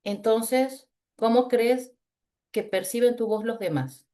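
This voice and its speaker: A woman with a low, chest-resonant voice, leading a webinar on voice in a lively, teasing, conversational way over a video call. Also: takes it slowly. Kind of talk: webinar talk with exercises.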